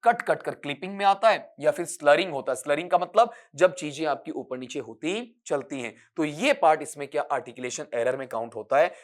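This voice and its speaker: A man teaching an online exam-prep lesson, who reads English options slowly and then explains them in Hindi, asking and answering his own questions. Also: fairly high pitch.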